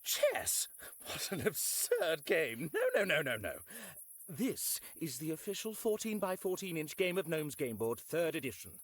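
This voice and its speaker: An actor voicing a fussy, pedantic board-game obsessive in a video game, prissy and sniffy. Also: male voice, fairly high pitch, huge pitch swings, a little slow, exaggerated voice.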